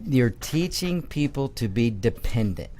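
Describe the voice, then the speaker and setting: A man's voice: medium pitch, very animated, a little slow, mellow. A man hosts an interview show, eagerly agreeing with his guest and repeating her points back to her. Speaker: talk show host. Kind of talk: casual interview talk.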